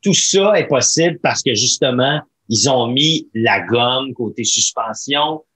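This podcast host is a thirtysomething man with a Quebec French accent, chatting in a relaxed, excited, colloquial style. His mid-range voice has lively intonation, a measured pace and a slightly bright quality, picked up by a close studio mic on an arm while he wears headphones.

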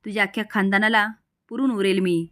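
A woman reads the part of a cruel, jealous young woman who bullies and brags. Her threats come at a middle pitch and an even pace. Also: quick pace, close to an everyday voice. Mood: boastful. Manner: threatening, boastful.

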